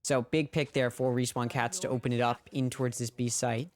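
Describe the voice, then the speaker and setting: A man's voice: mid-range voice, flat delivery, a little fast, slight background noise. A man streaming a watch party, giving casual play-by-play commentary on an esports match and talking straight to his chat.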